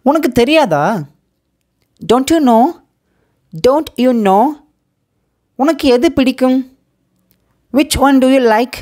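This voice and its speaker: Slow, high-voiced woman teacher with Tamil accent. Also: a little mellow. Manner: repeats each English question slowly twice, then quick asides. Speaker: spoken English teacher. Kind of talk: slow repeat-after-me language lesson.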